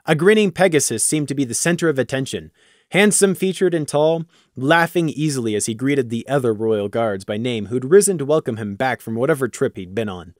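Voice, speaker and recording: A man reading a fan audiobook aloud, expressive, trailing quiet at sentence ends. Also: medium pitch, fairly quick, no room sound, clean studio sound. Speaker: audiobook narrator.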